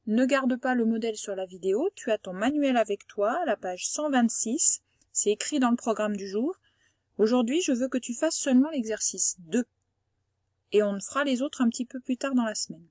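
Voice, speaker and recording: Une femme institutrice à l'français qui fait une leçon à distance pour de jeunes élèves, patiente, répétant et détachant les mots. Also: female voice, fairly high pitch, a little mellow, dry recording, clean studio sound. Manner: patient, explains slowly and repeats words. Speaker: primary school teacher. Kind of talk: remote lesson for young pupils.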